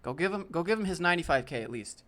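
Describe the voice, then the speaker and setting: Rapid-fire and expressive, this live-stream host has a fairly bright voice on the high side. He's a youthful-sounding man in his late twenties running a relaxed, jokey Q&A and reading viewers' questions aloud.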